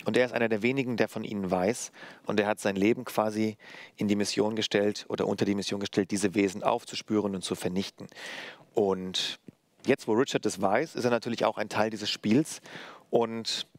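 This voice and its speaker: A male author reading aloud from his novel in a measured, steady way, then explaining the story. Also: lowish voice, no echo. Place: library reading.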